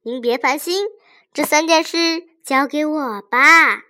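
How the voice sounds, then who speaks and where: A clever young wife answers softly and evenly, never rattled, voiced by a woman storyteller. Her voice is light and high, the pace slow and measured. It belongs in a folk tale read aloud. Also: no echo, studio quality, heavily acted. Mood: gentle. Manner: gentle, quick-witted, soft-spoken. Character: clever calm young daughter-in-law.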